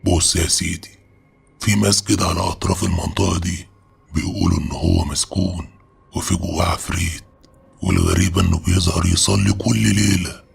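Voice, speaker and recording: A man's voice: low-pitched, steady tone, brisk, creaky, breathy edge, heavily acted. A man with an Egyptian Arabic accent voicing a pushy young man who insists and talks his friends into a dare. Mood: insistent. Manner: insistent, persuasive.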